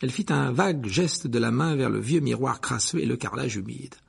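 A man narrating a storybook with an expressive reading. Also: mid-range voice, fairly quick, creaky, breathy edge. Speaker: audiobook narrator.

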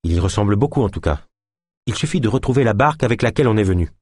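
A man's voice: lowish voice, lively intonation, rapid-fire, darkish tone, breathy edge, dry recording, studio quality. A man voicing an earnest young hero. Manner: earnest and defensive.

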